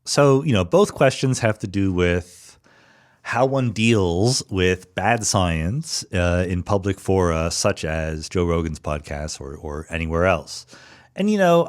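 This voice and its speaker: A middle-aged male podcast host with a fairly low voice answers listener questions in a casual solo monologue. He sounds relaxed and thoughtful, with frequent fillers and restarts.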